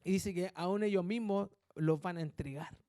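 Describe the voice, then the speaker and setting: A male pastor preaching a sermon, with animated delivery and muttered asides that mimic gossip. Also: high voice, normal speed, no echo, clean studio sound.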